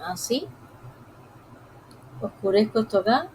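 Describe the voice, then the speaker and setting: Soft-spoken woman teaching drawing. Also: medium pitch, expressive, slight background noise, low-quality recording. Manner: soft, unhurried, talks while drawing; addresses viewers directly. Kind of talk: live-streamed drawing lesson.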